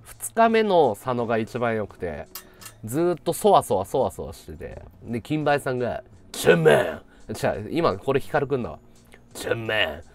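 A male streamer spins a comic story in easy conversational chat, swinging his pitch wildly up and down as he slips into other people's voices. He breaks into laughter often between the bits. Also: very animated, normal speed. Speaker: live streamer.

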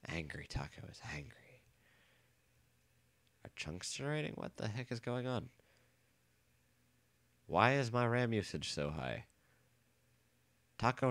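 A man's voice: very deep voice, gravelly, a bit bright, no echo. A man giving casual, rambling commentary while playing a game, nasal from a cold, joking and swearing freely. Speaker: let's play host.

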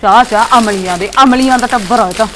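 An actress playing a resentful, sharp-tongued young wife who nags and mutters bitterly, with a Malwa Punjabi accent, in a Punjabi short drama. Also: female voice, a little high, fast, a little hiss or hum, close to an everyday voice. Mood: muttering. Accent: Punjabi, Malwa region. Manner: nagging, bitter complaints, scornful asides muttered to herself.

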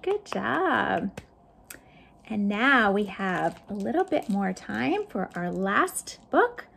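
Slow and sing-song, this middle-aged woman's medium-pitched voice carries vocal fry over background noise. She's a youth librarian running storytime, giving expressive picture book read-alouds and talking with the kids in questions and asides.

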